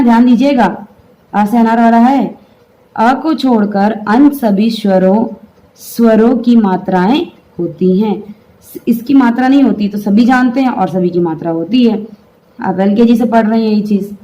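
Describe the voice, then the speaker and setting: A woman's voice: fairly high pitch, mellow, poor audio. A woman teaching a grammar lesson, explaining step by step and having the class say the sounds aloud.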